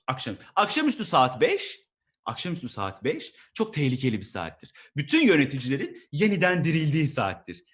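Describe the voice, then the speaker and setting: Young male stand-up comic, lively storyteller, pitch climbs high. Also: a little fast. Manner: animated storytelling, mimics his boss in a high voice. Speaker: stand-up comedian. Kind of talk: stand-up comedy monologue.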